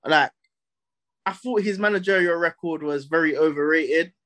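A man's voice: on the high side, normal speed, a bit bright. A young man with a London roadman accent, hosting a casual football chat in street slang. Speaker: football podcast host.

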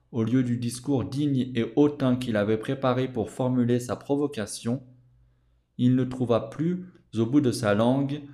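A man with a warm, mellow voice at a mid pitch reads a classic novel aloud for his podcast. His delivery is measured and expressive, like a careful storyteller. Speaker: podcast host and audiobook reader. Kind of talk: audiobook reading.

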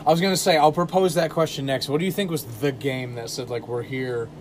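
A young man in his twenties hosts a casual podcast chat, loud and joking and swearing freely. His voice sits in an ordinary middle range. A steady hiss of noise runs behind him. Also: medium pitch, brisk. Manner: loud, joking, swears a lot, laughs often. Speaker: podcast host.

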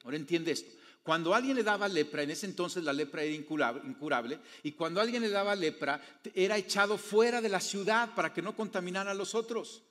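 A male pastor preaches in a high-pitched voice, his words trailing in the long reverb of a church hall. He drops to soft low phrases, then rises to loud emphatic ones, and keeps putting questions to his congregation. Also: fast. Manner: asks the audience frequent rhetorical questions. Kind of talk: sermon.

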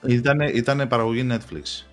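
A man's voice: mid-range voice, soft background music. A young man, co-hosting a podcast and chatting casually about TV series, with a rambling way of talking full of restarts. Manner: rambling, many restarts and fillers. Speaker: podcast co-host.

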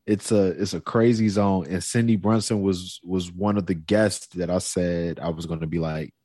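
A man's voice: low-pitched, steady tone, normal speed, warm tone, dry recording, studio quality. A young man co-hosting a casual podcast, laid-back but emphatic, often repeating himself. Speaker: podcast co-host.

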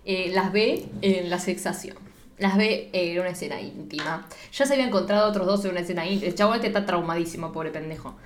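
A woman's voice: fairly low pitch, fast talker, a little hiss or hum. A woman with an Argentine accent, casually chatting and retelling a film plot in a slangy way, swearing freely. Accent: Argentine Spanish.

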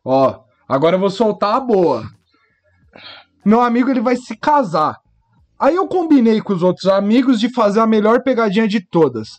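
A Brazilian man with a high-pitched voice trades slangy jokes with his co-host and laughs often. He speaks in loose, casual podcast banter. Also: big pitch swings, moderate pace. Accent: Brazilian Portuguese.

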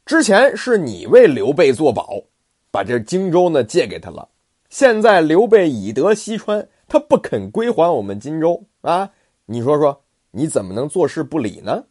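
A man doing a cranky ruler yelling at his advisor, raised pitch and lively. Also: unhurried, no room sound, studio quality, exaggerated voice. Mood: angry. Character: demanding, quick-tempered male ruler.

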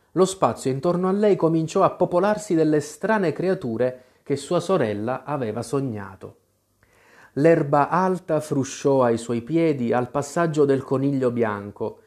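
A man reading a children's story aloud in a calm, expressive narration. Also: mid-range voice.

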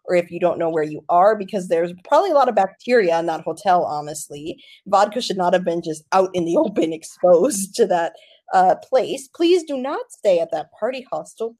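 A woman's voice: medium pitch, darkish tone. A young woman co-hosting a podcast, telling a travel story in casual chat and laughing often. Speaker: podcast co-host.

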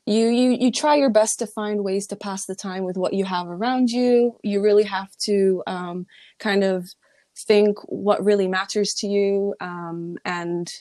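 A young woman from the Middle East or North Africa talks through her days in a loose, reflective way, full of ums and likes. Her voice sits at an ordinary pitch and sounds close and dry, with no room around it. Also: steady tone, unhurried, warm tone, no room sound. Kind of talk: casual chat.

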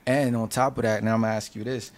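A man's voice: fairly low pitch, little pitch movement, fast talker. A man co-hosting a casual podcast, lecturing a guest with dating advice. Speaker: podcast co-host.

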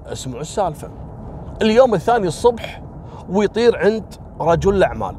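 A man's voice: very animated, fast talker, warm tone, slight background noise. A man telling a spoken story casually, lifting his voice to act out the characters. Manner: acts out quoted characters with raised pitch.

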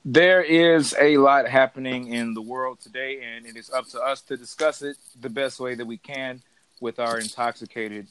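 A man's voice: medium pitch, fairly even intonation, normal speed, a bit bright, slight background noise. A man hosting a casual podcast with friends, loose, profane and a little drunk, laughing often. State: tipsy. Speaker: podcast host.

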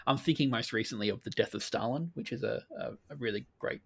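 Man co-host, husky voice, contrarian and teasing, casual review chat. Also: medium pitch, fast. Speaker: podcast co-host.

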